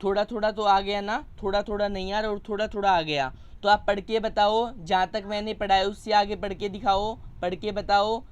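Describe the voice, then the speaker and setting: A man's voice: sits high, fairly even intonation, moderate pace, hardly any pauses, clear, resonant tone. A man teaching a primary school Hindi class over a video call, patiently explaining words and coaxing children to read aloud. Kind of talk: online class lesson.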